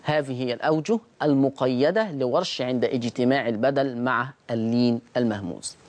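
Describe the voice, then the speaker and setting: A man with an Egyptian Arabic accent teaching a recorded Quran recitation lesson. He puts the students' questions to himself and answers them, and slowly stretches out words to show how they are said. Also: medium pitch. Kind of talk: recorded tajweed lesson with on-screen slides.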